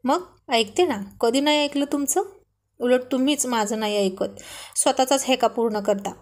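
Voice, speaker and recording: A woman's voice: high voice, normal speed, close to an everyday voice. A woman voicing a sulky, loving young wife pleading with her husband in a Marathi storybook reading. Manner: pleading and coaxing.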